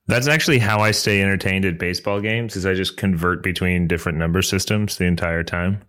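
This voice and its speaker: A man's voice: low voice, a little fast, a bit bright. A man podcast panelist chatting casually with a wry, joking manner. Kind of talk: casual chat.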